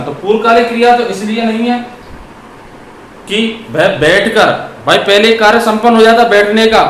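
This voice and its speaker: A man teaching grammar. He asks questions and answers them himself, and he draws words out slowly when he dictates examples. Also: high-pitched, fairly bright tone. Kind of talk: classroom grammar lesson. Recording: echoey room with faint noise.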